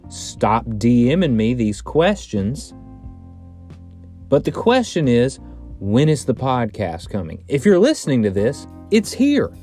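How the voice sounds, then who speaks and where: A man's voice: medium pitch, sing-song, slow pace, mellow, soft background music. A man hosting a casual solo podcast from inside a bedroom closet, chatting in an informal, rambling, joking way. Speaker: podcast host.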